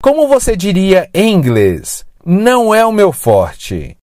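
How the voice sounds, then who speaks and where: An English teacher narrating a scripted lesson, modelling words slowly and clearly. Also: medium pitch, wildly swooping pitch, darkish tone, dry recording, clean studio sound. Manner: slow, clear, drawn-out word modelling.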